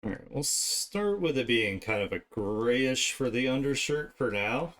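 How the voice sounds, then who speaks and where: A digital artist streams himself drawing, chatting casually and thinking aloud, often trailing off mid-thought. His medium-pitched voice is animated and fairly bright, moving a little slowly.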